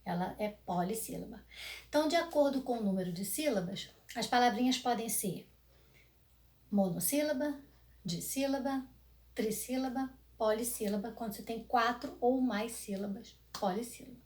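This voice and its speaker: A young Brazilian woman teaching an online grammar lesson to children, drawing words out slowly and checking in with "né?" and "tá?". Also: a little high, a little mellow. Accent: Brazilian Portuguese. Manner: slow, stretched words for emphasis, frequent "né?" and "tá?". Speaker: primary school teacher.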